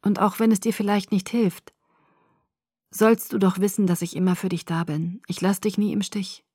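A woman voicing a feverish young man who speaks quietly and sincerely, in a storybook reading. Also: medium pitch, steady tone, normal speed, husky, dry recording, studio quality, natural voice. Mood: earnest.

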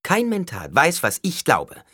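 A man voicing a haughty young noblewoman in an audiobook, sharp and indignant. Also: fairly high pitch, huge pitch swings, a little slow, breathy edge, voice pushed up, full character voice. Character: fierce young noblewoman, haughty and quick to anger. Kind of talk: audiobook character voice.

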